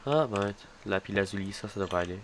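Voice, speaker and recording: A man's voice: lowish voice, a little fast, noisy background. A man giving casual let's-play commentary, hesitant and full of fillers, talking to his character and the mobs on screen. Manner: rambling, hesitant, many fillers and restarts. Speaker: gaming video creator.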